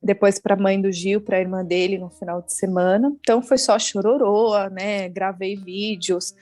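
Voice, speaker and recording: A woman's voice: medium pitch, fairly even intonation, moderate pace, darkish tone, no echo. A young adult woman from Brazil, an interview guest, telling a personal story in an earnest, emotional way, often adding small fillers.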